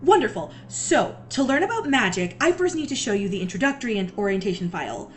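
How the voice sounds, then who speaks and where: A woman's voice: medium pitch, sing-song, fast talker, soft background music, close to an everyday voice. A woman playing an eager, awkward magic scientist in an audio drama, rambling and hesitant with dry exasperation. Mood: eager, brisk. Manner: rambling, hesitant, dryly exasperated public speaker.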